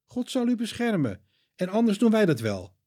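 A man voicing the disciple Peter, an impulsive and eager grown man, speaking loud and excited in a children's story reading. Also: medium pitch, normal speed, no echo, clean studio sound, lightly acted. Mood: upset. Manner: excited, raised voice.

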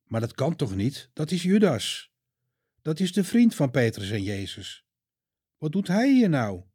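In a children's storybook reading, a brave but bewildered Peter, put on by a man speaks in a raised, anxious voice, well above the narrator's own. The tone stays dark and mellow, slightly husky, in a dry and close room. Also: fairly high pitch, big pitch swings, a little slow, no room sound, pitched above the performer's own voice, full character voice. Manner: anxious, disbelieving inner voice.

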